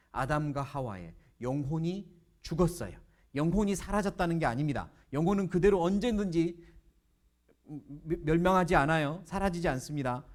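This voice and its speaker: A man's voice: medium pitch, darkish tone. A man preaching a sermon, telling a story with rhetorical questions.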